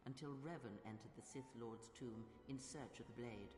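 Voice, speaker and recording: A man's voice: mid-range voice, a little mellow, long reverb tail, faint music behind, natural voice. A man voicing a solemn lore-keeper of the Sith. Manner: grave, measured storytelling delivery. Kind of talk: video game character dialogue.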